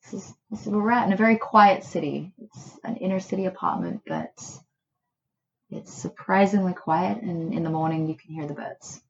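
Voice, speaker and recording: A woman from Australia, a poet, speaking thoughtfully in a quiet bedroom and reading her poems. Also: fairly low pitch, moderate pace, vocal fry, lo-fi sound, a little hiss or hum. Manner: thoughtful, musing. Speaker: poet guest. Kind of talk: reflective conversation and poetry reading.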